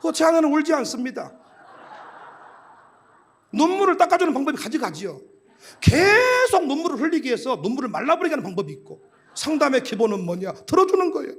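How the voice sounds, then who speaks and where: A man preaching at a revival rally, joking and shouting his points, sometimes breaking into a half-sung line. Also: very high voice, brisk, long pauses. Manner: animated and joking, shouts and half-sings for emphasis. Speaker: pastor.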